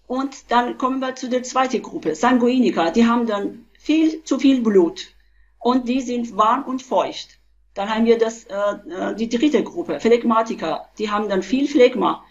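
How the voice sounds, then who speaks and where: A woman in her fifties from Iran, a physician, explaining on a video call in a halting way with many fillers and restarts. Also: a little high, dull audio. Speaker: physician, interview guest. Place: small room at home. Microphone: webcam on a video call.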